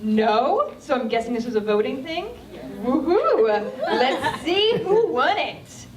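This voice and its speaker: Playful high-voiced woman presenting awards. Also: big pitch swings, slow. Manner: playful, jokey. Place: event hall with a crowd. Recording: distant echoey hall with loud music and crowd.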